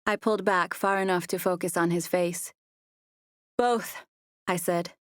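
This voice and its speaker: A woman narrating a first-person romance audiobook in a soft, even storytelling voice on a close mic. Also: on the low side, a little fast, no echo.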